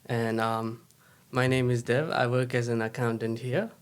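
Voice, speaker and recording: Smooth-voiced man hosting a podcast. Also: medium pitch, measured pace. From Nepal. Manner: steady, asks short questions. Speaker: podcast host. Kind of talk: casual podcast chat.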